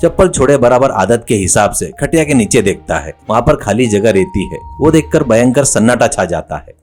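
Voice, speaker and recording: A man narrating a comic moral story in a steady, plain storytelling manner. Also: medium pitch, moderate pace. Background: faint music.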